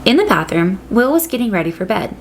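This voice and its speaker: A woman reading a children's picture book aloud, gentle and storytelling. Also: mid-range voice, very animated, a little fast, slight background noise, low-quality recording. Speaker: reader.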